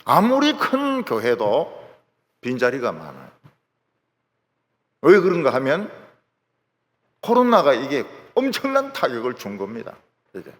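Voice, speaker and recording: Speaking in a mid-range voice, a little slowly and with frequent pauses, a male pastor acts out quotes from the people in his sermon stories. A large church sanctuary gives the audio a long hall reverb.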